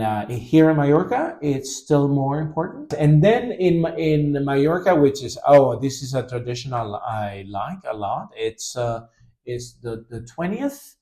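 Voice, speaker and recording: A man speaks in a gravelly, mellow voice. He talks hesitantly, with frequent ums and restarts. The sound is echoey, from a reverberant room. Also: medium pitch. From Honduras. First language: Spanish. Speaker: language teacher and co-host. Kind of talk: casual podcast chat.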